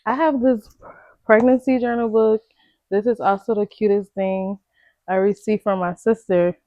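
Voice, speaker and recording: A woman's voice: medium pitch, moderate pace, phone-quality sound, a little hiss or hum. Gushing young pregnant woman vlogging. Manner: gushing, excitable, slangy. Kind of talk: casual unboxing chat.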